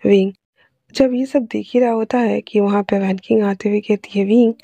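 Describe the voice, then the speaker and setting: A woman's voice: mid-range voice, steady tone, moderate pace, vocal fry, dark tone, no echo. A woman reading her own fanfiction aloud in a casual, chatty narrating style with fillers. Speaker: storyteller.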